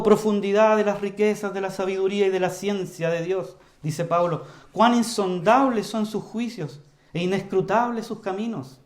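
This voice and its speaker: A man preaching an earnest, emphatic sermon to his congregation, repeatedly calling them brothers and moving between loud emphasis and quiet, low passages. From Chile. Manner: earnest, emphatic, often addresses the congregation as "hermanos"; varies volume widely, rising to loud emphasis and dropping low.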